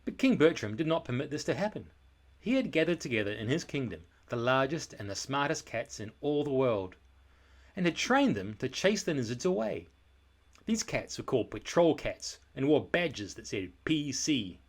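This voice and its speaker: A man with a medium-pitched voice narrates a children's storybook aloud, expressive and clearly scripted, with dramatic, deliberate emphasis.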